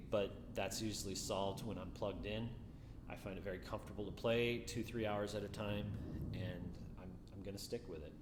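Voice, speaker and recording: Relaxed and musing, a man with a deep, low voice talks informally through a guitar review, often going back over his words. His surroundings sound roomy, with a long reverb tail and a faint hum of ambience.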